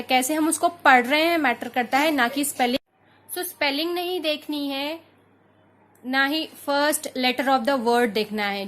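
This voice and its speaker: A woman with an Indian accent teaching an English grammar lesson, explaining patiently and spelling out examples slowly. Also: sits high, a bit bright.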